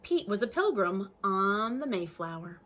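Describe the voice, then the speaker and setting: Reading a picture book to young kids, a woman uses a medium-pitched voice at a measured pace. She performs it expressively and, as a teacher might, slips in simple, friendly explanations.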